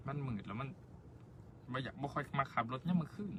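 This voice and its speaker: A man's voice: mid-range voice, expressive, brisk, sharp tone, a little hiss or hum. A young man from central Thailand with an Isan accent, chatting playfully and politely as host of his own livestream. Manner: playful, jokey, polite ending particles. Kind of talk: casual livestream chat.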